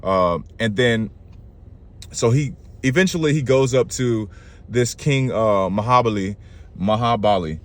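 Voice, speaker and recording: Speaking a little slowly in a mid-range voice, this man from an astrology channel tells a myth in a loose, slangy way. He's lively but rambling, frequently cutting himself off to fix his wording.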